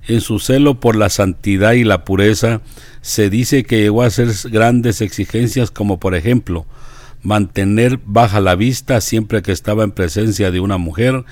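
A man reading a saint's life aloud and commenting on it in a measured, devout, earnest way. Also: on the low side, darkish tone, dry recording. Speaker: reader leading a group discussion.

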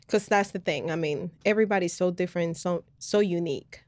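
A woman's voice: on the low side, a little fast, a little mellow, no echo. A woman from Colombia, hosting a podcast and sharing her faith story in a rambling, earnest way with lots of fillers. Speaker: podcast host. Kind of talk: personal faith testimony in casual chat.

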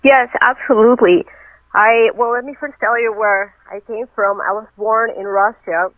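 Over a tinny, dry phone line, a woman with a slightly high voice and fairly even intonation talks at a moderate pace, with no room sound. She's a personal trainer who grew up in Venezuela, appearing as a guest in a casual phone interview and telling her story at length.

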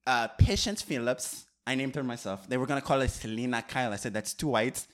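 A man putting on a pompous, self-important movie director with a phony French air, who stumbles and repeats himself while boasting deadpan. His voice sits at an everyday middle pitch. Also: brisk, close to an everyday voice. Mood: deadpan boastful. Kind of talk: improvised comedy role-play.

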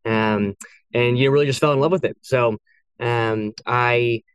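A young man from California, an engineer and company co-founder, telling his background in a measured, steady way on a podcast. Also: mid-range voice, smooth, dry recording. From California, USA. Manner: measured, steady storytelling with "you know" fillers. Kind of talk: casual podcast interview.

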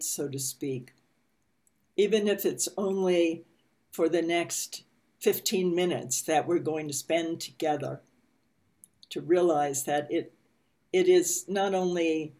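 Slow, mellow-voiced woman leading meditation. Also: deep voice. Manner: gentle, unhurried, with frequent pauses and fillers. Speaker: spiritual study group leader. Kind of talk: slow meditative reading and teaching.

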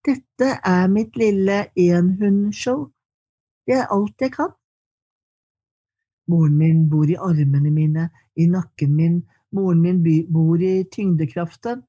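A woman reading her poetry aloud in slow, measured lines, then answering questions in conversation. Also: lowish voice, dark tone, husky, lo-fi sound. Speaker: poet and guest.

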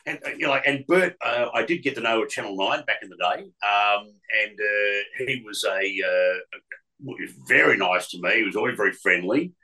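Australian radio veteran in his fifties, bright, chatty storyteller. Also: fairly low pitch, moderate pace, low-quality recording. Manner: chatty storyteller, slips into impressions, frequent restarts. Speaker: radio announcer and voice artist. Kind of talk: casual anecdotal interview.

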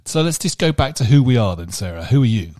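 A man's voice: mid-range voice, very animated, fast, a little mellow, dry recording, studio quality. A man in his fifties co-hosting a podcast, chatting in a rambling, jokey way with many restarts. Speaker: podcast co-host. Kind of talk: casual chat.

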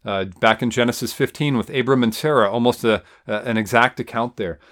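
A man's voice: mid-range voice, brisk, a bit bright. A male pastor teaching an expository sermon in a conversational way, with asides.

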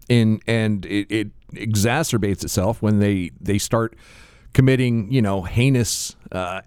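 A low-pitched American man co-hosts a casual podcast in a dry, close sound. His speech is slightly slurred and lisping. He talks haltingly, often repeating words as he goes. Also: a little mellow, smooth, dry recording. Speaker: podcast co-host. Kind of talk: casual chat.

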